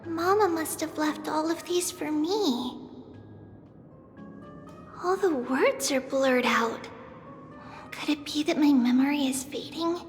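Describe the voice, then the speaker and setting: A woman's voice: high-pitched, slow, long pauses. An actress playing an eager, childlike little girl in a game, exclamatory and a bit boastful. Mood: puzzled, musing. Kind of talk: scripted game dialogue. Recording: long reverb, music behind.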